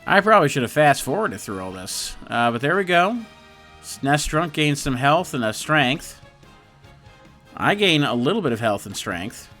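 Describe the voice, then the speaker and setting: Rambling man narrating gameplay. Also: a little high. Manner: rambling, casual, quiet. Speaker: let's play host. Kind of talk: gameplay commentary.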